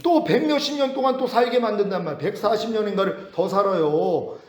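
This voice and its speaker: High-voiced animated male Bible lecturer. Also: brisk. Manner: animated, chuckling, rhetorical questions. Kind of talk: sermon-style lecture. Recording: roomy echo.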